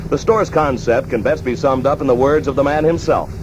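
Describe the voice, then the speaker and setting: In a dull, noisy archival recording from 1960s radio, a man reads scripted documentary narration. His mid-range voice is brisk, with a formal announcer's delivery.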